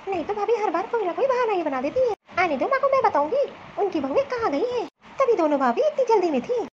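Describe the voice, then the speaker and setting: A woman's voice: very high voice, highs cut off, a little hiss or hum. A woman voicing a scheming young daughter in a cartoon story, gleeful and sly.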